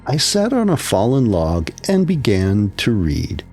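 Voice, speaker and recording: A man tells a horror story in a low, husky voice. His delivery is slow and deliberate but swings widely in pitch, building suspense. Faint music plays underneath. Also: wildly swooping pitch, a little mellow. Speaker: narrator. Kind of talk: scripted horror narration.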